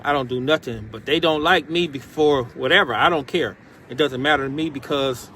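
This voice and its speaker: With a bright, forceful, mid-range voice, an American man delivers an unscripted pep talk to the camera. He comes across as a streetwise advice vlogger, emphatic and slangy, addressing viewers as "bro," while traffic and city sounds carry on around him outdoors.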